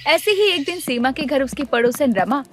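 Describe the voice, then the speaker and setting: A woman's voice: high-pitched, animated, moderate pace, a bit bright, soft background music. Woman narrating a cartoon story.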